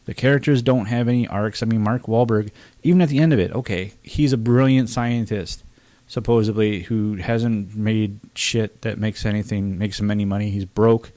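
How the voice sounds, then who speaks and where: A man's voice: fairly low pitch, fairly even intonation, moderate pace, mellow, no echo. A man in a casual roundtable movie review, criticizing bluntly and scornfully with plenty of swearing. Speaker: film reviewer.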